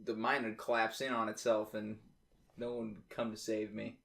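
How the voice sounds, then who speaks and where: Relaxed man with a gravelly voice. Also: lowish voice, moderate pace. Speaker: podcast co-host. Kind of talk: casual movie review chat.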